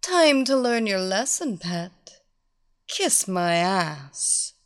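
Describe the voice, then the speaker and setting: A woman voicing a commanding blonde female hypnotist who gives slow, purring, drawn-out orders. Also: medium pitch, sing-song, smooth.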